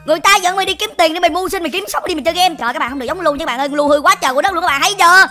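High fast woman host. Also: pushed and bright. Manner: exclamatory, scolding, addresses viewers. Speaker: game video host. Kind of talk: playful game role-play. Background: children's music.

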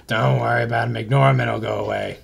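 A man hosting a casual roleplay, showing off characters and bursting into shouted swearing. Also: mid-range voice, fast, gravelly, background noise. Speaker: roleplay host.

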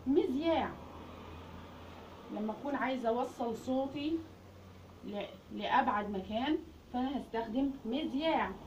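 A woman with an Egyptian Arabic accent teaches a grammar lesson, posing questions and then answering them herself. Her voice is slightly high and a little mellow, moving at a normal speed with frequent pauses. The recording sounds roomy, distant and muffled, with a faint hiss.

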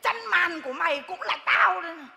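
A woman's voice: extremely high pitch, fast talker, gravelly, a crowd in the background. A woman playing a bossy village woman who scolds and lectures a pregnant neighbor in a live comedy skit. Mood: scolding. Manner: scolding, lecturing, loud and exaggerated. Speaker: comic stage actor. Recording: reverberant live stage hall.

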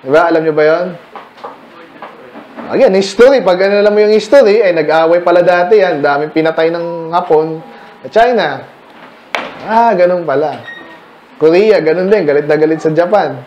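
A man's voice: a little high, fairly quick, a little mellow, a little hiss or hum. A man teaching a church history seminar in a conversational way, peppering his points with rhetorical questions to the listeners and mixing in English terms. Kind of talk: church history lecture to a mixed room. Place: church meeting room. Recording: echoey room.

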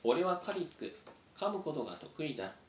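Man as boastful buck-toothed mouse. Higher, louder; roomy. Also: sing-song, moderate pace. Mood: brash. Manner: brash, boastful. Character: buck-toothed male mouse, proud biter. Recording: roomy echo, faint rumble.

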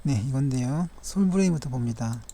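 A man narrating a daily stock chart review in a measured, formal and polite way, pausing with fillers and correcting himself as he goes. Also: mid-range voice, expressive, creaky, mellow.

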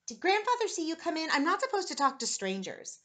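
A woman's voice: fairly high pitch, animated, fast, bright, forceful tone, voice pushed up. A woman voicing a sensitive, stubborn small boy in a children's storybook, with a childlike, emotional delivery. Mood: startled, wary. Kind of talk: children's storybook read-aloud.

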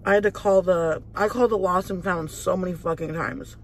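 A woman's voice: fairly low pitch, fairly even intonation, brisk, a little hiss or hum. Chatty, foul-mouthed woman vlogger in a car. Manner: chatty, profane, lots of "like". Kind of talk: casual storytime while eating. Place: inside a parked car.

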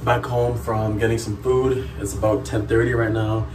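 Speaking at a moderate pace in a lowish, level voice, this twentysomething vlogger and college soccer player talks casually to camera using slang. He's from South Sudan or Canada, relaxed in manner, and the audio is noisy, recorded outdoors and in rooms.

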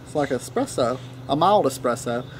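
A man, chatting casually and unhurriedly, with pauses, as he rambles through a pipe tobacco review. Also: medium pitch, animated, a little hiss or hum. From Tennessee, United States. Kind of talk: casual vlog chat. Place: outdoor wooden deck in a leafy yard. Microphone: camera a few feet away. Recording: outdoor ambience with birdsong. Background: birds chirping, occasional dog barking.

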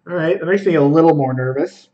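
Young male streamer, slightly high voice, running self-critical commentary on his own card game plays. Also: muffled recording. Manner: self-critical, thinking aloud, quick asides. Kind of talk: live gameplay commentary.

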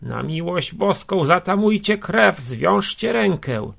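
A man voicing an injured male lathe worker begging for help, with a gravelly, husky voice. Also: high-pitched, animated, slow pace, a bit bright, pitched above the performer's own voice, full character voice. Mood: pleading. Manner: pleading, strained cries.

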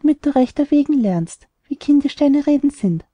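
A woman's voice: high voice, lively intonation, moderate pace, no room sound, lo-fi sound. A woman voicing a worried, skeptical mother in an audiobook, reading rhymed verse earnestly.

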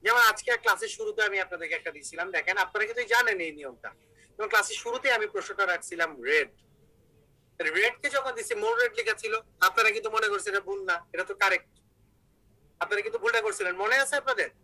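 A man's voice: high voice, quick pace, pushed and bright, rough recording. A man teaching an online English grammar class, explaining step by step and asking his students questions.

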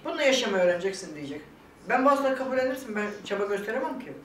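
An older woman talks quickly and with feeling, tearful one moment and laughing the next. She is recorded from some distance in an echoey room with faint noise behind her. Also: fairly high pitch, animated. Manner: tearful and laughing by turns, quoting others. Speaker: vlog guest talking about her illness. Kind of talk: emotional casual chat.

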